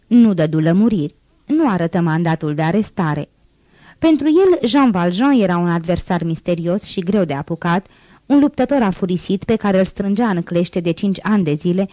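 A woman narrating a classic novel as an audiobook, in a measured, dramatic reading. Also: fairly low pitch, mellow, no room sound. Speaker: audiobook reader.

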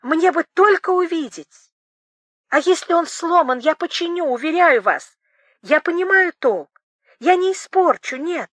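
A woman's voice: fairly high pitch, lively intonation, takes it slowly, sharp tone, no room sound, exaggerated voice. A woman putting on a bleating, overjoyed man. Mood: ecstatic. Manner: exclaiming, breathless with delight. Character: excitable middle-aged man, childishly thrilled, bleating.

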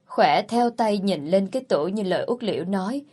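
A woman reads a story aloud as a channel's storyteller, in a steady, even manner. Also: mid-range voice, normal speed, husky. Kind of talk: scripted audiobook narration.

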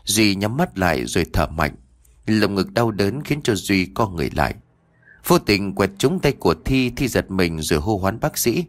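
A man narrates a story in a fairly low voice. His delivery is expressive and emotional, and his pitch swings widely from line to line. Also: normal speed. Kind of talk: scripted audio story narration.

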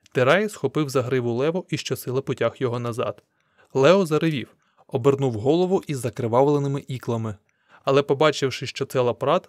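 A man narrating an audiobook in a steady, measured reading. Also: mid-range voice, no echo, clean studio sound. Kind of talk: scripted narration.

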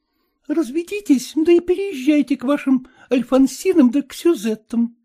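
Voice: sits high, lively intonation, normal speed, mellow. A reader voicing a young bride who answers her husband in a haughty, sulky way.

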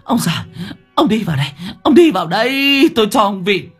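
A man voicing an angry older wife who scolds her husband in a shrill voice, in a comic audio story. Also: sing-song, fairly quick, breathy edge, soft background music, heavily acted. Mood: furious. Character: furious scolding old wife.

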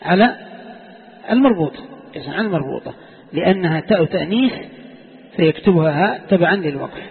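High-voiced sheikh dictating in a hall. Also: male voice, animated, quick pace, vocal fry, husky. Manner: quizzes students with repeated questions, dictates sentences. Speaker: sheikh teaching Quranic exegesis. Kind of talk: classroom lecture with call-and-response questions. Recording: tinny lo-fi lecture recording, long hall reverb.

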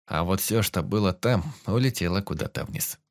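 A man's voice: low voice, normal speed, dry recording, studio quality. A man narrating a first-person fantasy audiobook dramatically, voicing all the characters himself.

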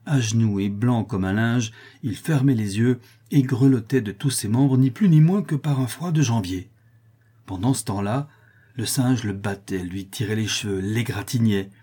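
A male audiobook narrator with a husky, mellow voice. He reads in an expressive storytelling manner at a middle pitch. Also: moderate pace.

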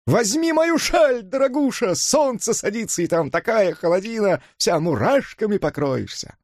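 Man putting on a shrill cooing older woman. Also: expressive, darkish tone, dry recording, clean studio sound. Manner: high, drawn-out cooing. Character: plump gossipy older woman passenger, shrill. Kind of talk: audiobook reading.

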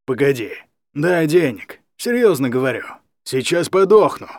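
Casting: man doing a rough, hungover ex-con drunk, high and lively when he begs or threatens, dry close sound. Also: moderate pace, no room sound. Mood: begging. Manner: rough, whining then threatening. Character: hungover aggressive ex-convict man, pushy drunk.

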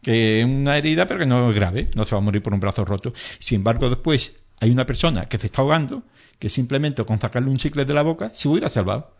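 A man's voice: medium pitch, lively intonation, fast talker, creaky. Male instructor type, emphatic and repetitive, explains first aid plainly. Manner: emphatic, repetitive, acts out panicked bystanders in quotes. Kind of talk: explanatory interview talk.

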